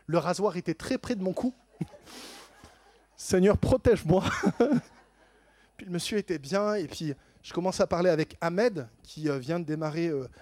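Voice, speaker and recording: A man telling a lively faith testimony in an animated way, laughing often and stammering into quick repeats. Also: fairly high pitch, no echo.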